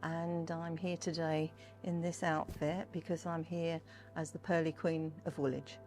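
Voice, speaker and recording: A woman's voice: low-pitched, flat delivery, measured pace, over music. An older woman, chatting in a discursive, storytelling way as she gives an informal interview. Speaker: Pearly Queen and community fundraiser, interviewee. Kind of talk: informal interview talk about history and culture.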